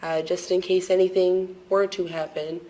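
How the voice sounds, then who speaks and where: A woman testifying as a witness in a courtroom, hesitant and apologetic, speaking haltingly with many pauses and a voice she says is fading. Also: fairly low pitch, little pitch movement, warm tone, low-quality recording. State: losing her voice.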